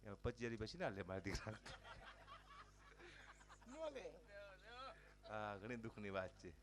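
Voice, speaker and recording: Male comic folk storyteller, animated delivery with a very expressive pitch. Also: moderate pace. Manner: animated, acts out characters.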